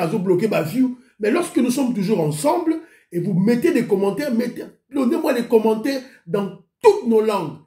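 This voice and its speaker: A man's voice: high voice, a little mellow, roomy sound. A man with a Congolese accent hosting his own online show, chatting casually and greeting his viewers one by one by name. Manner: greets commenters by name, mixes in Lingala. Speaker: YouTube show host.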